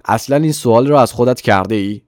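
A man's voice: medium pitch, a little mellow, no echo, studio quality, natural voice. A man voicing a shrewd, playful older male millionaire in a storybook reading, questioning in a raised voice. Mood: teasing.

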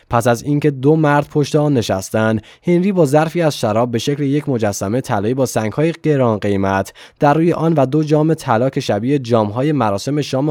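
A man narrating an audiobook in a measured, calm reading. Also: medium pitch, dry recording, clean studio sound. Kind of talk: scripted narration.

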